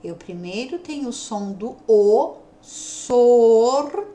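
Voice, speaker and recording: A woman teacher with a São Paulo countryside caipira accent, giving a video lesson to young children and sounding out syllables slowly. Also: on the high side, sing-song, roomy sound. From São Paulo state, Brazil. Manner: slow, drawn-out sounding of syllables. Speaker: primary school teacher.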